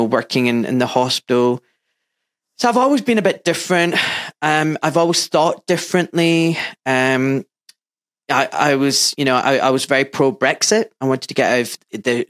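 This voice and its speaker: His mid-range voice has a fairly bright tone. He's a Glaswegian surgeon in his fifties with a mild Scottish accent, speaking as an interview guest in a candid conversation and recounting his story with earnest emphasis.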